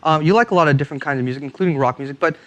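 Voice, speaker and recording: A man's voice: on the high side, rapid-fire, muffled recording. A man hosting a casual interview in a recording studio, joking and playful. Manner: playful, jokey. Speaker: host.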